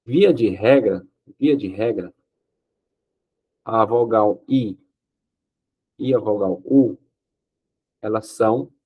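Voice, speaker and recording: A man's voice: fairly low pitch, slow, pauses often, slightly rough, phone-quality sound. A man teaching Portuguese grammar for an exam, explaining step by step, asking questions and answering them himself, often checking with "ok?". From Brazil. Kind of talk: exam-prep grammar lesson.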